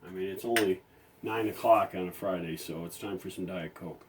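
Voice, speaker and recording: A middle-aged man presenting a repair talks through his workshop work in a homey, easygoing style, musing aloud as he goes. His voice sits low at a moderate pace, against a noisy background.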